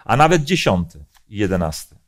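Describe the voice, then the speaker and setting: A man's voice: fairly low pitch, big pitch swings, brisk. Man leading a Bible study discussion. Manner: questioning, explanatory.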